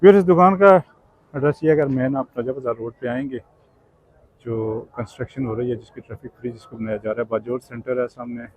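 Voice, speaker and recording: A man's voice: medium pitch, fast talker, dry recording, muffled recording. A Pakistani man vlogging a tour of a shop in the market, enthusiastic and polite, often calling his viewers "sir". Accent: Pakistani Urdu. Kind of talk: casual walk-through vlog.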